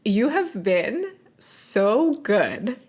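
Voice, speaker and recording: Animated woman podcast co-host. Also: mid-range voice, extremely slow, breathy edge. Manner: animated, laughs along. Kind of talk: casual chat.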